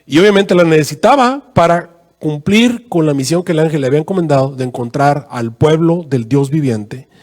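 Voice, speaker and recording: A man preaching a sermon as a pastor, telling a story with animated quoted voices and frequent fillers. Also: normal speed. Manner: animated, rising to high pitch in quoted prayers, many fillers "este". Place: church. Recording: long reverb in a church hall.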